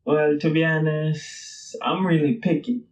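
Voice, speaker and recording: A man's voice: fairly high pitch, steady tone, a little slow, low-quality recording. A man in his twenties from Brooklyn, New York, answering interview questions in a loose, rambling way full of fillers and casual swearing. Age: 20s. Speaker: streetwear brand founder and guest.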